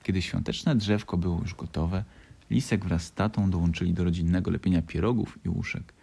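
A man narrating a children's storybook in a gentle, expressive way. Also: sits low, brisk, vocal fry, slightly rough.

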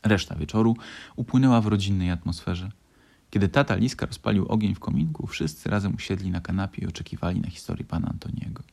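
Husky-voiced man narrating a storybook. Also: low-pitched, quick pace, a little mellow.

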